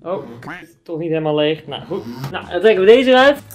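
Young male vlogger, quick and slangy, slightly high voice, echoey bare rooms. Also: animated, music in the background. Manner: joking, boastful, slangy. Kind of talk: casual moving-day vlog. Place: empty house being moved out of and into.

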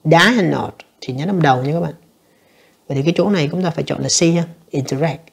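A woman teacher, going through an English exam answer by answer and reading the English lines slowly. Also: low voice, creaky, darkish tone, husky. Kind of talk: exam review lesson.

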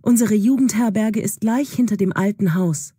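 A woman's voice: mid-range voice, normal speed, breathy edge, no room sound, clean studio sound, lightly acted. A woman voicing a caring young man in a storybook, speaking firmly and soothingly. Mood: reassuring. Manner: firm and soothing, louder than the narration.

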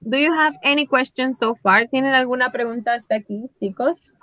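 A woman's voice: high-pitched, normal speed, pushed and bright, no room sound. A woman English teacher, giving an online class and patiently checking in with her students. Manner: patient, checks in often with questions.

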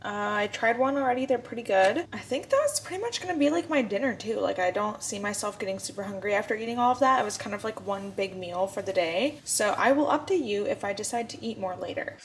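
A woman's voice: mid-range voice, animated, fairly quick, hardly any pauses. A young woman in her twenties chatting casually in a home vlog, rambling with lots of "like" and "um.". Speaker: lifestyle vlogger. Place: home kitchen and bathroom. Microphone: on-camera mic.

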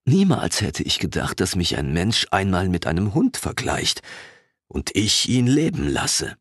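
A man voicing a proud, scornful dark elf woman in an audiobook, speaking in a haughty, disdainful manner. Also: low voice, huge pitch swings, a little slow, breathy edge, no echo, clean studio sound, heavily acted. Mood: amused. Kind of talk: audiobook character reading.

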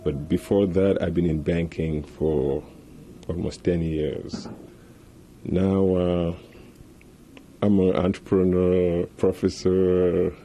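A middle-aged man from Senegal, a professor and entrepreneur, answering interview questions in a measured way, often repeating small words, into a handheld mic in an office. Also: low-pitched, warm tone, a little hiss or hum. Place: office with world map on wall. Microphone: handheld reporter mic.

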